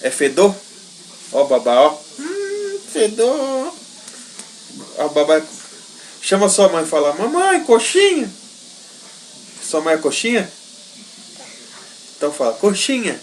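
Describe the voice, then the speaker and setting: A woman's voice: fairly low pitch, big pitch swings, measured pace, long pauses, a little mellow, a little hiss or hum, poor audio. A woman coaxing a small child in playful sing-song baby talk while filming a home video on a phone. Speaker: caregiver filming a toddler.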